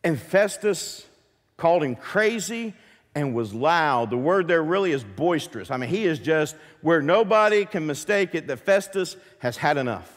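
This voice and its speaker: A pastor preaching a sermon to his church, lively and full of questions to the congregation. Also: on the high side, normal speed, big-room sound. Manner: animated, asks the congregation many questions. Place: church sanctuary.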